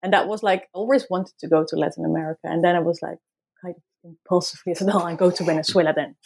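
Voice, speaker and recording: A woman's voice: on the low side, steady tone, fast talker, gravelly, a little mellow, breathy edge. A woman from the Netherlands in her late thirties, a native Dutch speaker, speaking English as an anthropologist guest. She answers thoughtfully and hesitantly, with many fillers. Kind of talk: interview.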